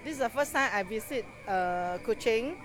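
A woman from Singapore, speaking in an unhurried way and searching for words in a vox pop interview. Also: a little high, expressive. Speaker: festival-goer. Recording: music playing behind.

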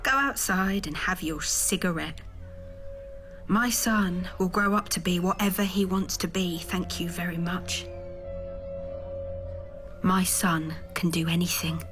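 A woman's voice: fairly low pitch, unhurried, long pauses, close to an everyday voice. An actress playing a firm, protective mother in a family audio drama. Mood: defiant. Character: protective, firm young mother defending her son. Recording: music clearly behind the voice.

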